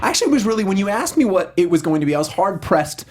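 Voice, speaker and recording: A man with a high, sing-song, racing voice co-hosts a casual talk show reviewing video game movies. He is wordy and digressive, cutting himself off often, and his phrasing is informal, emphatic and sweary.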